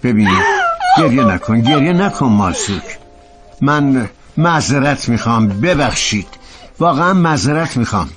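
A man's voice: medium pitch, big pitch swings, music in the background, lightly acted. An actor dubbing a middle-aged older brother who pleads and apologizes to his sister. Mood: pleading. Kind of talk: dubbed TV drama acting.

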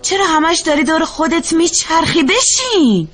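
A woman's voice: very high-pitched, very animated, a bit bright, soft background music, heavily acted. An actress dubbing a stern, opinionated older mother-in-law who speaks sharply and scolds. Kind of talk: dubbed TV drama acting.

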